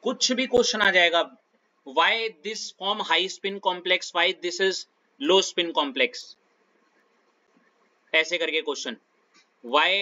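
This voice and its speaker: A man's voice: on the high side, pushed and bright, highs cut off. A male chemistry teacher giving a classroom lecture in a coaxing way, often checking that the student follows.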